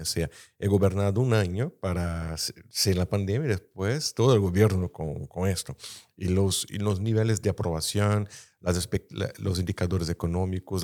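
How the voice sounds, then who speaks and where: A man with a fairly low voice analyses politics conversationally in Spanish. His Brazilian Portuguese accent is audible, and he slips Portuguese forms into his Spanish. He often searches for the right word as he goes. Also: a little mellow. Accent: Portuguese-influenced Spanish, Brazilian. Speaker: political commentator.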